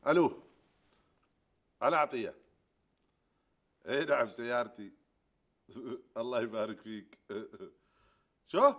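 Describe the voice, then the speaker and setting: A man playing the boastful comic lead of a sitcom, quick to rant. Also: mid-range voice, expressive, fairly bright tone. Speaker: comedy lead. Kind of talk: sitcom acting.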